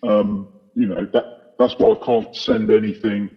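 Disguised deep husky man's voice. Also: level tone, measured pace. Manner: hesitant, many fillers and restarts. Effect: voice electronically altered and deepened to hide his identity. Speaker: podcast guest, aerospace engineer. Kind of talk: casual interview chat. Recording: dull lo-fi processed audio.

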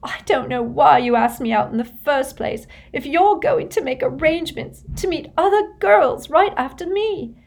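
A woman voicing a hurt teenage girl who talks in a high, shrill, crying voice. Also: big pitch swings, slow pace, darkish tone, heavily acted. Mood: accusing.

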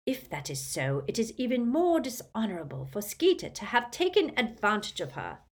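A woman voicing a flustered, loyal elderly gentleman who speaks feebly and defensively. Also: on the high side, wildly swooping pitch, normal speed, voice pushed up.

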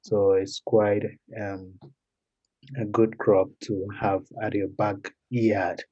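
A young man with a Ghanaian accent, a guest in a podcast interview, speaking in a measured way with frequent pauses and fillers. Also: fairly low pitch, flat delivery, darkish tone, slightly rough, lo-fi sound. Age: young adult.

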